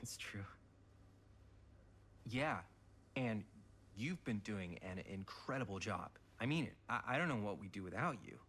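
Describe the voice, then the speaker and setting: A sweet-talking teenage younger brother in a video game who lays it on thick. His slightly husky voice is lively in pitch, and he hesitates and coaxes. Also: measured pace, long pauses, exaggerated voice. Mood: coaxing. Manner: hesitant, coaxing.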